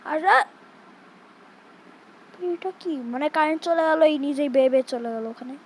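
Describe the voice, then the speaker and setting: High-voiced jumpy woman gaming. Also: unhurried, a little hiss or hum, rough recording. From Bangladesh. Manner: jumpy, chatty, scolds the game baby. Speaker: gaming streamer. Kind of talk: casual horror game commentary.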